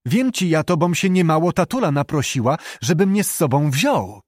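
A man's voice: fairly high pitch, lively intonation, moderate pace, dry recording, clean studio sound. A man reading an audiobook, voicing a bold, cheerful young peasant girl who hunts. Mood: teasing. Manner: cheerful, teasing, girlish.

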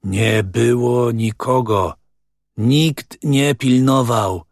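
A man reading as a tearful, whining man who pleads and laments a robbery in sobbing, monotonous words. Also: medium pitch, takes it slowly, gravelly, dry recording, studio quality. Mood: lamenting.

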